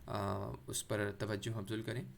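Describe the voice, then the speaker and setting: A man teaching Quran recitation, explaining letters patiently and drawing out sounds slowly for practice. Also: on the low side, monotone, vocal fry, slight background noise. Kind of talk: explanatory lesson with demonstrated pronunciation.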